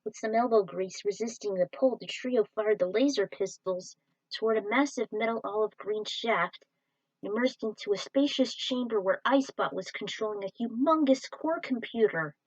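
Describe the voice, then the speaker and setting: A woman with a fairly high pitch reads an adventure story aloud at normal speed as an amateur podfic narrator. It's scripted storytelling captured in a dry, lo-fi home recording.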